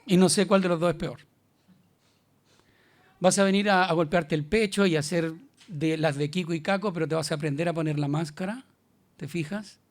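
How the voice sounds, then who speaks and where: A man's voice: on the high side, normal speed, long pauses. A male pastor with a Chilean accent, preaching an emphatic, colloquial sermon. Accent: Chilean Spanish.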